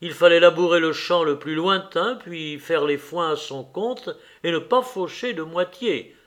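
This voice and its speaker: A man giving a measured, scripted narration of a literary novel for an audiobook. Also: on the high side. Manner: measured, even literary reading. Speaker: audiobook reader.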